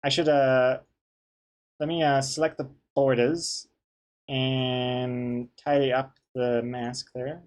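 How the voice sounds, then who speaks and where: A man chatting casually on a livestream as he works, rambling and playful, who can't pronounce his R properly and says it like a W. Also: medium pitch. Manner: rambling, playful, easily amused. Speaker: comic artist and streamer. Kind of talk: casual livestream chat while drawing.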